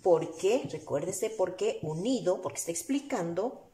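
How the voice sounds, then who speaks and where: A woman teacher with an Ecuadorian Spanish accent explains grammar at an unhurried pace, her voice rising and falling a lot. Her tone is mellow and warm. The sound is roomy, recorded in a classroom with a board. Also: fairly low pitch, animated. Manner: slow, explains step by step, asks rhetorical questions. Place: room with a whiteboard. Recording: echoey room.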